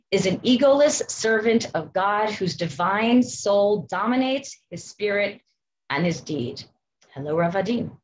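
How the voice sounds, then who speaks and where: A woman's voice: medium pitch, slight background noise, poor audio. A middle-aged woman giving a heartfelt memorial talk and a Mishnah lesson, reflective and personal, explaining Hebrew terms as she goes. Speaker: Torah study teacher at a memorial.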